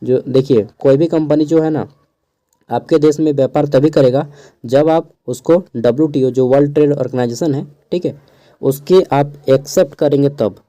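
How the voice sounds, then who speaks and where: A young male tutor talks through exam questions in a relaxed, chatty lesson, often drifting into asides. His voice sits fairly high yet sounds very dark and mellow. He keeps it hushed, recording in a small room at home. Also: normal speed. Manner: chatty, digresses with asides and chuckles; keeps his voice down so neighbours won't hear. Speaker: teacher going over an exam paper. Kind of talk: casual spoken exam lesson.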